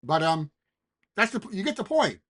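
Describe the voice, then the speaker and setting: A man's voice: high-pitched, very animated, normal speed, fairly bright tone. A man hosting his own video, talking in a casual, rambling, digressive way that is full of "you know" and restarted phrases. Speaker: channel host. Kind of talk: casual talking-head vlog.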